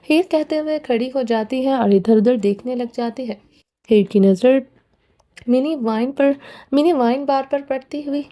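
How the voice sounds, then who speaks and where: A woman narrating a romance novel as an audiobook, steady and plain. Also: on the high side.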